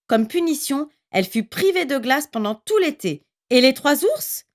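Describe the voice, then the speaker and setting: A woman narrating a children's story in an expressive, lively reading voice. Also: high voice, normal speed.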